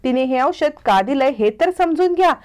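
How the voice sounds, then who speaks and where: A sympathetic woman from a family television drama, pleading that others listen, as a woman reads her lines. The voice is fairly high. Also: animated, moderate pace, darkish tone.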